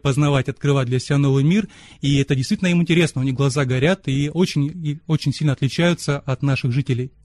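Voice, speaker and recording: A man joins a casual podcast conversation by remote call from Moscow, his slightly high voice a little mellow and recorded dry. Friendly and expansive, he tells stories at length.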